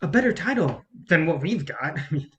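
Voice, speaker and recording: At a staged reading, a performer plays a bitter film campaign strategist who has reached the end of their rope. The natural, brisk voice swoops wildly up and down in pitch, sounding profane, sarcastic and exasperated, with an agitated, despairing mood.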